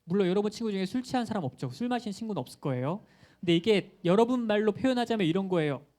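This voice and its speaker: Mellow-voiced pastor preaching to children. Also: male voice, high-pitched, lively intonation, rapid-fire. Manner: playful, talks with children, acts out quotes. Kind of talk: children's sermon.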